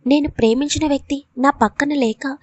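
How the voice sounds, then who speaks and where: A woman voicing a devoted young man who gently reassures the woman he loves, in a storybook reading. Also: high-pitched, fairly even intonation, moderate pace, no echo, lightly acted. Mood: tender.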